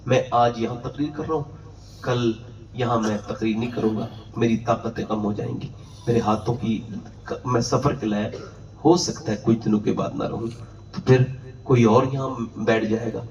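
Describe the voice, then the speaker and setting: A man's voice: medium pitch, steady tone, darkish tone. Male preacher, dramatic storytelling sermon, dull and roomy recording. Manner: emotional, dramatic storyteller who acts out the voices of his characters. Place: religious gathering. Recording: echoey, distant, dull hall sound.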